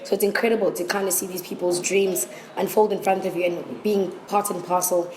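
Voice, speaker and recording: A woman's voice: on the low side, steady tone, fairly quick, darkish tone. A South African woman giving articulate, explanatory answers in a conversational interview. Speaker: interview guest, presenting teacher. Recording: roomy echo with faint background noise.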